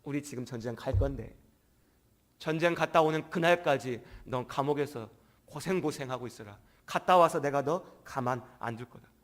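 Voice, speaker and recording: A man's voice: medium pitch, normal speed, pitched below the performer's own voice, natural voice. A man preaching who voices a suspicious, angry king scolding a prophet. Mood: threatening. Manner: scolding, taunting.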